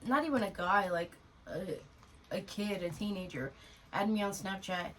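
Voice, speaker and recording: A woman's voice: mid-range voice, moderate pace. A woman in her twenties co-hosting a podcast in casual chat, blunt and slangy. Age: 20s. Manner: blunt, slangy, throws in "dude" and "bro". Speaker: podcast co-host. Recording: distant mic with faint noise.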